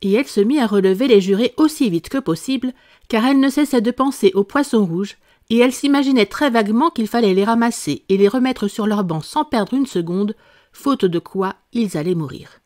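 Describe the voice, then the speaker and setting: Expressive French woman reading a storybook. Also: a little high, fairly quick. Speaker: audiobook narrator. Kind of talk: scripted narration.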